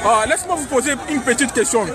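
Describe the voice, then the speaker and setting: A man's voice: extremely high pitch, lively intonation, quick pace. A male journalist interviewing a protester in the street, asking questions with many hesitations. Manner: hesitant, many fillers before his questions. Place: outdoor street march in Paris. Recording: noisy crowded outdoor street recording. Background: loud crowd.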